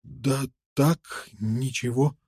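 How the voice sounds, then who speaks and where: A man's voice: mid-range voice, fairly even intonation, very slow, vocal fry, a little mellow, slightly rough, no echo, studio quality, full character voice. A man voicing a worn-out, toothless fur trader who stammers and pleads ingratiatingly in an audiobook. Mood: pleading.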